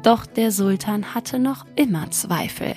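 A woman narrating a fairy tale in a calm, measured, scripted storybook reading. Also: medium pitch. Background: faint music.

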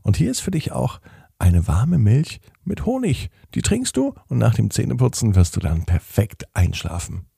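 A man voicing a gentle mother in a bedtime story, soothingly explaining to her son. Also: medium pitch, big pitch swings, normal speed, creaky, slightly rough, no room sound, studio quality, full character voice. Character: gentle caring mother of a young boy.

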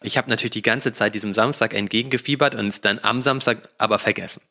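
A man's voice: on the low side, steady tone, fast talker, gravelly, sharp tone. A man co-hosting a podcast in casual chat, a chatty storyteller who rambles with fillers. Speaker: podcast co-host.

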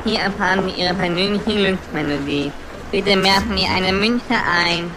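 A man voicing a talking fortune machine in a film, his voice pitched up and made crackly and robotic, played from a computer into a podcast mic. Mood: mechanical. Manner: slow, stiff announcer prompts. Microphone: podcast mic held to a computer speaker.

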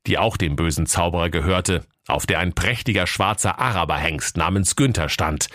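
A man narrating a comic fairy tale in a deadpan storytelling manner. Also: sits low, no echo, clean studio sound.

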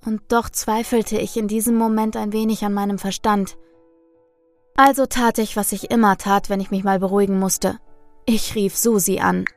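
A woman reading a first-person ghost story aloud in a measured, suspenseful way. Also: medium pitch, little pitch movement, soft background music. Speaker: storyteller reading listener stories.

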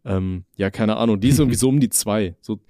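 A man's voice: lowish voice, fast, dark tone, no echo, studio quality. A man telling rambling stories in casual chat as a podcast co-host, full of slang. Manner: rambling slangy storytelling, says "Alter" often.

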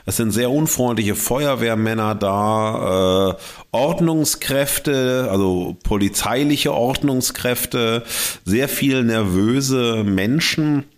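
A man's voice: medium pitch, slow pace. A man co-hosting a podcast, chatting casually and telling long stories with many fillers, speaking close to his microphone. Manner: rambling anecdotes with many fillers. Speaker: podcast co-host. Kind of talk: casual chat. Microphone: microphone in front of face.

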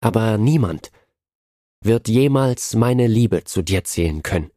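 A man's voice: fairly low pitch, expressive, measured pace, warm tone, dry recording, studio quality. A man voicing a tearful pleading young wife. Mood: tender. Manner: sobbing, pleading.

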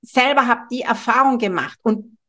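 A woman's voice: a little high, moderate pace, pushed and bright. A middle-aged woman hosting a podcast, talking straight to the listener in an emphatic, strict way with a frequent questioning "ja?". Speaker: podcast host, weight-loss coach. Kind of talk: monologue podcast, direct address. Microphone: studio microphone.

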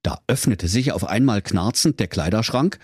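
A man's voice: lowish voice, lively intonation, moderate pace, slightly rough, no echo, studio quality. A man with a Berlin accent narrating a comedic fairy tale in a playful, theatrical way. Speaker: storyteller.

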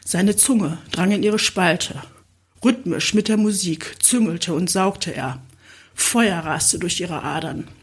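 A woman reading an erotic novel aloud as audiobook narration, slow and sensual. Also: fairly low pitch, slightly rough.

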